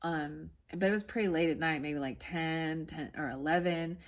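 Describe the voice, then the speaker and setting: A woman in her forties with a somewhat low-pitched voice gives a casual spoken tarot reading. She rambles, circling back on herself with lots of "um" and "like" and frequent restarts. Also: normal speed. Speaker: tarot reader.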